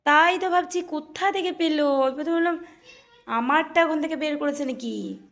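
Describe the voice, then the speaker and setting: A hoarse woman filming a casual home vlog, coaxing and chatting with her small child. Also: high voice, moderate pace, fairly bright tone. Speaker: mother and vlogger. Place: indoors at home.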